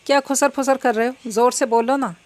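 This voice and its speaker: A woman voicing a shrill, bossy rich girl. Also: fairly even intonation, fairly quick, darkish tone, close to an everyday voice. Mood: angry. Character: spoiled, hot-tempered rich young woman.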